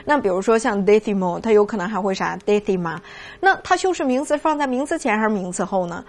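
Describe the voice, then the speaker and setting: A woman teaches vocabulary in a fairly high voice. She keeps asking rhetorical questions and drills each word slowly, twice over. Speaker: Spanish language teacher. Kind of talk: vocabulary lesson.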